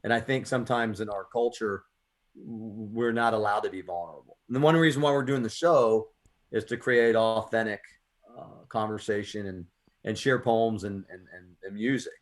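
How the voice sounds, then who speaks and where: Here an American man, a poet who hosts a poetry radio program, reflects in easygoing, earnest conversation at a moderate pace. His voice is lowish, and he tends to repeat words while thinking aloud.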